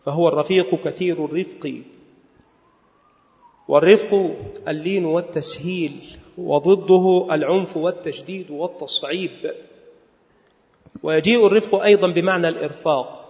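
A man with a fairly high, gravelly voice gives a religious lecture. He speaks in measured phrases and sometimes draws words out in a chanting lilt. The recording is dull and lo-fi, with a long reverb like a large hall.

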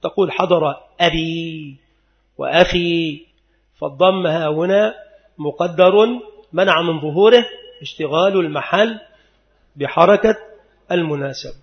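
A man teaching Arabic grammar in a methodical lecture, repeating each rule and slowly sounding out the examples. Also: a little high. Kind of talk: explanatory lecture. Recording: dull lo-fi recording.

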